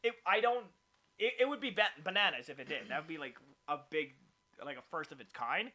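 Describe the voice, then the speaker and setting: Bright-voiced excitable male podcast host. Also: fairly high pitch, a little fast. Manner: rambling, filler-heavy, excitable. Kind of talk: casual chat.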